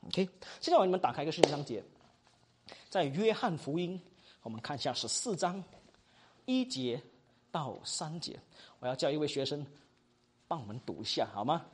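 一位马来西亚口音的男讲道老师在课堂上授课，说话生动随意，句尾常带"哈"。. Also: male voice, a little high, normal speed, pauses often, slight background noise. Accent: Malaysian Mandarin. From Malaysia. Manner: animated, chatty, ends phrases with 哈. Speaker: preaching instructor. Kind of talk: classroom teaching.

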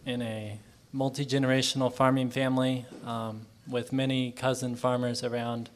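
A man in his twenties from Oklahoma talks about his upbringing in an earnest, thoughtful tone. He pauses often and uses fillers as he gathers his thoughts. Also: mid-range voice, flat delivery. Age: 20s. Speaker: panelist, young farmer. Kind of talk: personal panel answer.

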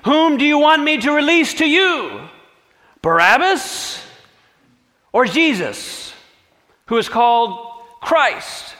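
A man's voice: extremely high pitch, expressive, slow, long pauses, pushed and bright, big-room sound, voice pushed up, heavily acted. A man reading aloud, voicing a troubled Roman governor who pleads with a crowd in urgent, raised questions.

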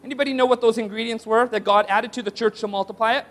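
A man's voice: very high voice, steady tone, fast, a bit bright. A man preaching a sermon to a congregation, asking rhetorical questions and calling for responses. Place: church hall with audience.

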